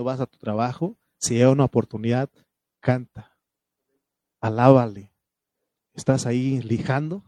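Male preacher, warm voice in a dry room; fervent sermon delivery, calls on the congregation, reads scripture loud and slow. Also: medium pitch, no echo. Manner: fervent, calls out questions to the congregation, punctuated with amen; reads scripture aloud in a raised, drawn-out voice.

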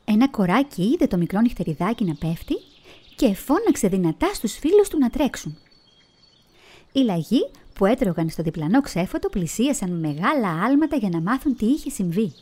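A woman storyteller narrating a children's fairy tale in an expressive, melodic way. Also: mid-range voice. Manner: expressive, melodic reading with vivid emphasis.

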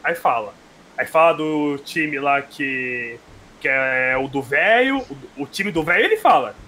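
A man in casual podcast banter, excitable and repeating himself as he argues his point. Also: fairly high pitch, a little slow, a little hiss or hum. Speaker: podcast co-host.

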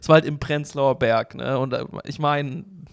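A man's voice: medium pitch, steady tone, moderate pace, vocal fry, clear, resonant tone. A man co-hosting a casual comedy podcast, riffing crudely and laughing through exaggerated bits. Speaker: podcast co-host.

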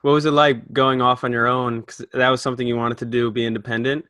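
A man's voice: mid-range voice, flat delivery, fast, fairly bright tone, no echo. Dry-sounding man hosting a podcast. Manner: upbeat, with restarts and false starts. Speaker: podcast host. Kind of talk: casual podcast interview.

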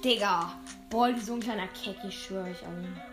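A woman giving casual gameplay commentary, excitable and swearing a lot, with sudden yelled outbursts. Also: mid-range voice, fairly quick, music in the background. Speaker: let's play streamer. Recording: roomy echoey room.

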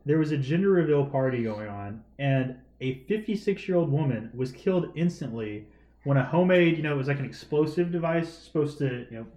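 A man's voice: fairly high pitch, animated, fairly quick, warm tone. Man, podcast co-host, casual storytelling, lots of fillers, echoey room. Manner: chatty storyteller, laughs often, many fillers. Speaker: podcast co-host reading news stories.

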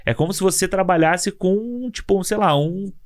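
A man's voice: high-pitched, moderate pace. A man with a cold, congested and nasal, co-hosting a casual movie chat and rambling as he loses his thread. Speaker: podcast co-host.

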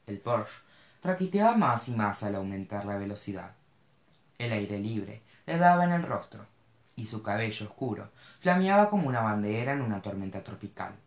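A man narrating a novel in an expressive, animated reading style. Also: lowish voice. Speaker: audiobook narrator. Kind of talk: scripted narration. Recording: roomy echo.

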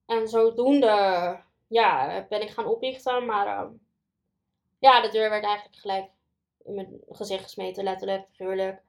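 A young woman telling her own story in an interview, pausing often and full of fillers. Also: mid-range voice, steady tone, vocal fry. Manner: halting, many pauses and fillers, quoting others. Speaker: guest. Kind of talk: personal testimony in an interview.

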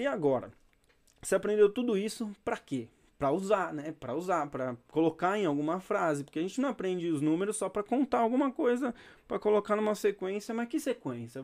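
A Brazilian English teacher with a fairly high voice leads a casual, relaxed spoken lesson. He treats his students like friends, tossing them informal, chatty asides, and patiently says each word slowly so they can repeat it.

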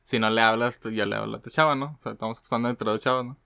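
A man's voice: medium pitch, fairly even intonation, racing, gravelly, sharp tone, no room sound, clean studio sound. A young man with a Mexican accent, co-hosting a casual podcast and telling stories in slangy, laughing chat. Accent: Mexican Spanish. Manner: slangy, storytelling, laughs often. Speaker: podcast co-host.

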